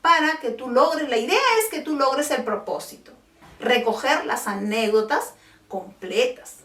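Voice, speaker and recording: A woman's voice: high voice, unhurried, fairly bright tone. A woman teacher talking to schoolchildren in a friendly way, often stopping to check with short questions. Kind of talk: teaching a class to children on camera. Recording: echoey room, voice from a distance.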